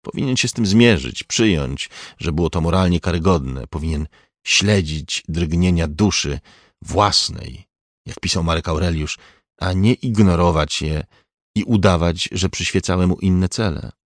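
Low-voiced guy reading an audiobook, steady and measured, dry close sound. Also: no room sound. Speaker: audiobook narrator. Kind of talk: scripted narration.

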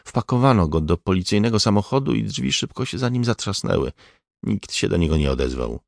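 A man reading an audiobook in a measured, even scripted narration. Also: fairly low pitch, gravelly, no room sound, clean studio sound.

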